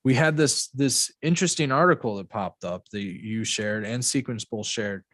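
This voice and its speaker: A man's voice: mid-range voice, moderate pace, a bit bright, dry recording, studio quality. A man with a Midwestern accent hosting a podcast, talking casually and rambling with restarts and fillers. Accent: Midwestern American. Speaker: podcast host.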